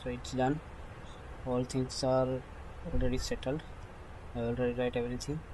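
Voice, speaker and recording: A man giving an unscripted screen-recording tutorial voice-over, narrating each step haltingly in short phrases. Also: mid-range voice, little pitch movement, a little mellow, a little hiss or hum, rough recording. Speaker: tutorial presenter.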